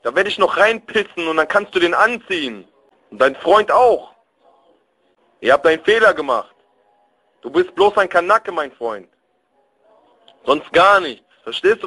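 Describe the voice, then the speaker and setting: Young male, threatening prank caller heard over the phone. Slightly high, sharp, forceful delivery, slangy and confrontational. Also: animated, measured pace, long pauses, rough recording. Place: on a telephone call.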